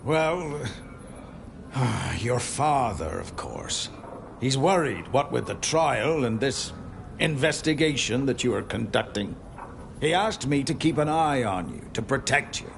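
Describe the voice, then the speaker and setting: An actor playing a mysterious hooded stranger in a video game, a dutiful guard who speaks in a guarded, formal, courteous way. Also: male voice, mid-range voice, expressive, slow. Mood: measured, dutiful. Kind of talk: video game dialogue acting. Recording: clear background noise and ambience.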